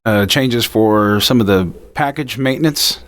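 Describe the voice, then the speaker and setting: A man's voice: on the low side, measured pace, a bit bright. A man hosting a podcast interview, asking curious follow-up questions in a casual tone. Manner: curious, asks follow-up questions, laughs easily. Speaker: podcast host.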